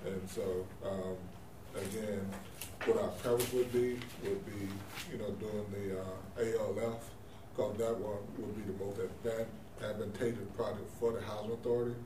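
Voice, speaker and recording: Low-voiced man in a noisy, echoey meeting. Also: fairly even intonation, moderate pace, hardly any pauses. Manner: folksy, uses y'all and frequent 'you know'. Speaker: housing authority official presenting. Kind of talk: informal explanation at a board meeting. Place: indoor meeting room. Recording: echoey room, distant mic, clear noise.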